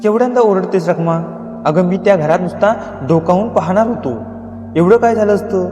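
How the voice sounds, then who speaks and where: A curious young city man with a brisk, slightly exasperated edge, as a storyteller voices him. His voice runs a bit high and rings in a reverberant room with faint music behind. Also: close to an everyday voice.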